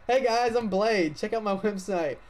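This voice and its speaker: A man voicing a laid-back, spaced-out young guy with a slow drawl. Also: sits high, close to an everyday voice. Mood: chill.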